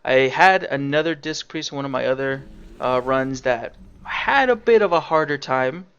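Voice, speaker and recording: Sarcastic gravelly young man commentating gameplay. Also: mid-range voice, animated, normal speed, a bit bright, dull audio. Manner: sarcastic, casual, swears freely. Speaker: game streamer.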